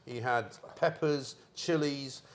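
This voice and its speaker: A man's voice: medium pitch, slow pace. A man co-hosting a casual chat, blunt and teasing, with plenty of swearing. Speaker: podcast co-host.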